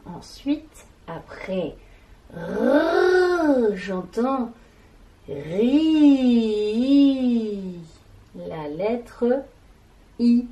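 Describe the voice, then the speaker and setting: A woman teaching a children's lesson, speaking deliberately and spelling out syllables and sounds one by one. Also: mid-range voice, dark tone, poor audio. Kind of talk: slow, clearly articulated classroom lesson.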